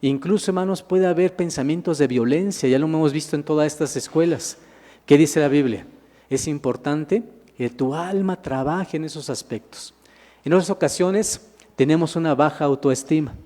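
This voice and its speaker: A man's voice: a little high, normal speed, mellow. A man preaching a Bible lesson, putting questions to the congregation, calling them brothers, and answering himself. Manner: calls listeners "hermanos". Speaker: minister. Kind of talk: sermon, Bible teaching with slides. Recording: long reverb of a large hall.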